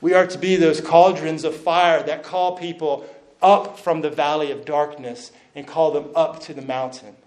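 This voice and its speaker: A man's voice: fairly high pitch, fairly even intonation, normal speed, a little mellow. A man preaching a sermon as pastor, emphatic and repeating phrases for stress.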